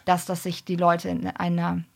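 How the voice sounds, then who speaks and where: Young woman host, chatty interviewer, slightly low voice, relaxed talk. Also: moderate pace, creaky. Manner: chatty, frequent "ne?" tags. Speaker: podcast host. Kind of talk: casual conversational interview.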